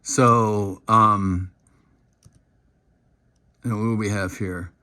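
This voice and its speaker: A man giving casual, animated commentary while breaking down football game film, now and then acting out what the players shout. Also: lowish voice, extremely slow. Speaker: football analyst.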